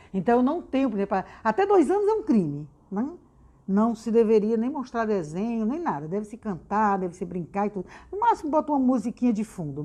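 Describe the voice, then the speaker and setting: A woman's voice: a little high, mellow. A Brazilian woman explaining research in an informal educational talk, who ends almost every phrase with a tag question and often restarts and repeats words. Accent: Brazilian Portuguese.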